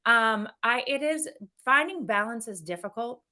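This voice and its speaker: Upbeat woman chatting as a guest, bright clear tone, laughs a lot, candid. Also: on the high side, normal speed. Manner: energetic and candid, laughs often, many restarts. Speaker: guest, business executive. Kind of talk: casual interview conversation.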